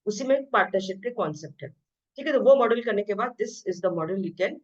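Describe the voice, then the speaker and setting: Female maths tutor, code-switching, reads problems slowly, mid-pitched voice, dull lo-fi audio. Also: lively intonation. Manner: mixes Hindi and English, reads questions slowly, explains quickly. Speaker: math teacher. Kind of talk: exam-prep math lesson. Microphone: screen-share voice recording.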